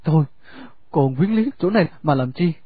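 A woman's voice: deep voice, lively intonation, moderate pace, slightly rough, no echo, pitched below the performer's own voice. A woman doing a pleading young husband. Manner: earnest, pleading. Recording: phone-like narrow sound.

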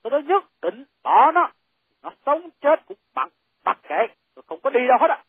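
A woman voicing a stern, stubborn old man who is an angry, disowning father, talking in a gruff, curt, scolding way. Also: sits high, sing-song, brisk, no echo. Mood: scornful. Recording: thin, phone-like lo-fi sound.

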